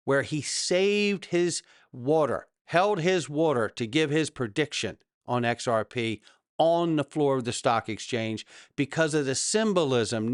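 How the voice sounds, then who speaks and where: A man's voice: mid-range voice, no room sound, clean studio sound. A man hosting a cryptocurrency show with crypto bro hype, addressing viewers emphatically and throwing rhetorical questions at them. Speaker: host of a cryptocurrency news show. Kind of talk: hype-driven market commentary to viewers.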